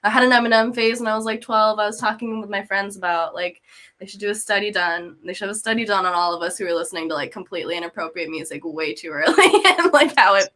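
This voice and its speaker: A woman's voice: medium pitch, fast talker, bright, forceful tone. A woman in her twenties, a musician, chatting expressively as an interview guest. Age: 20s. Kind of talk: casual interview chat.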